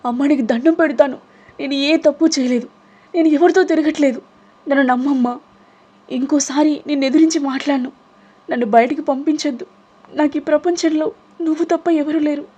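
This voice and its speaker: A woman's voice: high-pitched, fairly even intonation, fairly quick, dark tone, muffled recording, voice pushed up, close to an everyday voice. A woman voicing a heartbroken young woman who begs through tears in an audio novel reading. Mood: sobbing, pleading. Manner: tearful pleading. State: crying.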